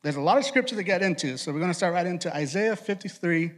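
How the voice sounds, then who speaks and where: His high-pitched, animated voice carries a Trinidadian accent with a Boston tinge as this young man from Trinidad, a ministry director, gives a casual youth sermon. He talks conversationally, posing rhetorical questions and slipping in quick asides.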